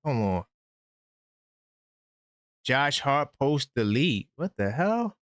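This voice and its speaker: A man hosting a live sports call-in stream, talking excitedly and breaking in with news for his viewers. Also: mid-range voice, slow, no room sound. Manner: animated, breaks in with updates, talks straight to viewers. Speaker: host of a sports call-in livestream.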